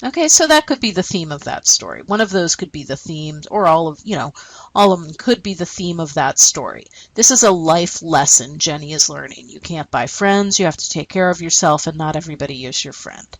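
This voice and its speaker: A woman's voice: sits low, lively intonation, brisk, poor audio. A woman teacher explaining a lesson and reading short stories aloud, often checking in with "okay?". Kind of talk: recorded classroom lesson.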